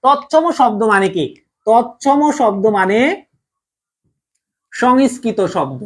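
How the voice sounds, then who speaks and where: Woman teacher from Bangladesh, higher voice, repeats each rule as a question for the class. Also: big pitch swings, takes it slowly. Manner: drills students with repeated call-and-answer questions. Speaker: online Bangla grammar teacher. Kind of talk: live online class lesson.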